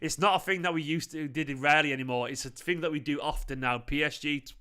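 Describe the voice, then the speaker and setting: A man with a Manchester accent, hosting a live football fan reaction stream, chatting excitedly and swearing while reading viewer comments. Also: a little high, fast talker, smooth. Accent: Mancunian. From Manchester, England. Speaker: football fan channel host.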